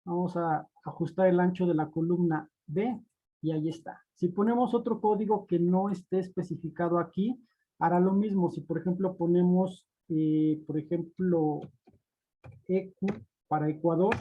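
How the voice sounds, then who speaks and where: A man's voice: high-pitched, fairly even intonation, normal speed. A man narrating a screen-recorded spreadsheet tutorial, methodical and step-by-step, often repeating points. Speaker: spreadsheet instructor. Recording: dull lo-fi recording.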